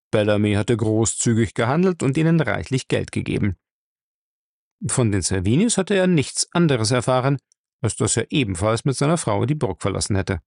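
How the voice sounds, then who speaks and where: Gravelly male audiobook narrator. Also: mid-range voice, no echo, clean studio sound. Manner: steady, measured storytelling. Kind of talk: audiobook reading.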